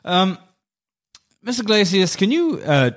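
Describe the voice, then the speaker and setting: A man playing a tabletop game, asking questions hesitantly with many pauses and fillers. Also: high voice, big pitch swings. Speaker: player. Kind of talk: tabletop role-play.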